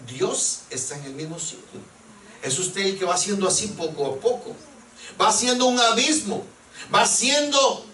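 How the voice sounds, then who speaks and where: A man's voice: very high voice, a bit bright, a little hiss or hum. A male preacher giving a sermon. He questions the congregation and acts out pleading prayers. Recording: echoey room, mic at a distance.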